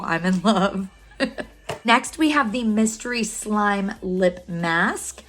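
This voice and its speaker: A woman beauty vlogger unboxing a makeup collection, talking in a gushing, excited way. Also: medium pitch.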